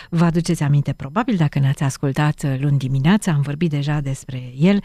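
A woman's voice: deep voice, dark tone, dry recording. A woman hosting a live radio interview, speaking into a studio microphone. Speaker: radio host.

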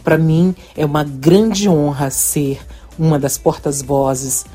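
A woman's voice: low voice, steady tone, slow pace, warm tone, faint music behind. A woman from Brazil, a singer, speaking earnestly in an interview and often tagging her sentences with little questions. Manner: earnest, frequent tag questions. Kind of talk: interview soundbite.

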